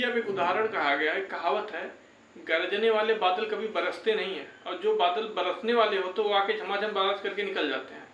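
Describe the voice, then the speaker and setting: A young man presenting exam updates on YouTube speaks informally and reassuringly to viewers, often repeating his phrases. His voice is high and a bit bright. The sound is echoey and roomy, with slight background noise.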